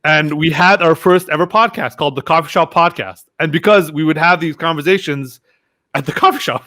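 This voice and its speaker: A man's voice: a little high, a little fast. A young man, a podcast guest, telling casual stories and acting out what his friends said. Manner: animated, acts out quoted friends. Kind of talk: casual storytelling interview.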